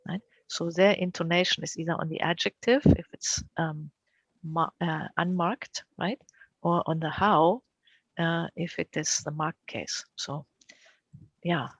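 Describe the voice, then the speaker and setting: A woman's voice: lowish voice, steady tone, a little slow, husky, no echo, poor audio. A woman answering audience questions on a video call, thoughtful, with many fillers and frequent "right?" tags. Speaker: invited speaker.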